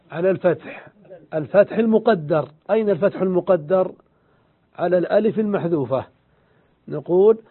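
Male grammar teacher, high-pitched voice, phone-quality audio, methodical lecture delivery. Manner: slow, deliberate explaining, repeats examples, asks and answers his own questions. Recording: tinny phone-like sound.

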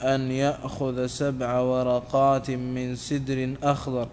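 A man reading a classical religious text aloud to his teacher in a measured, careful way. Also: medium pitch, a little hiss or hum. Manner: flat, measured recitation.

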